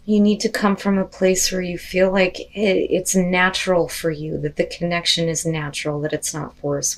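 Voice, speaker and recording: A woman, slightly hoarse from losing her voice, doing a casual tarot card reading, chatty and full of "you know" and "like" fillers. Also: fairly low pitch. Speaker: tarot reader.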